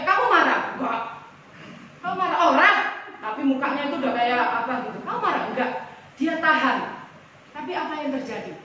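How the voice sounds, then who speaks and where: A woman giving an animated church teaching talk, acting out little dialogues. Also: high voice, slight background noise. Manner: animated, acts out little dialogues in other voices. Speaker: church speaker teaching a congregation. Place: church hall. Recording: very echoey hall from far off.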